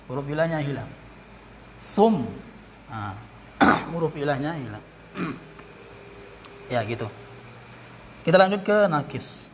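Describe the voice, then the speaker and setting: A male teacher walks through grammar points at an unhurried, careful pace, repeating terms and pausing to correct himself. His voice sits a little high for a man. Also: slight background noise. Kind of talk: classroom grammar lesson.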